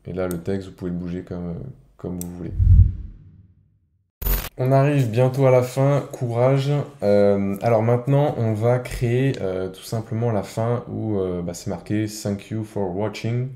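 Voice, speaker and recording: A man speaks slowly in a lowish, creaky voice. He casually walks through software steps, thinking aloud as he goes. His informal tutorial delivery is unhurried and improvised. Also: echoey room. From France. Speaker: video editing tutorial presenter.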